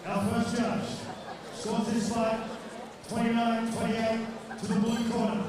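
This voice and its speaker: A man's voice: very high-pitched, monotone, a little slow. A man making formal announcements as a ring announcer at a fight event. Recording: echoey PA in hall, crowd, far off.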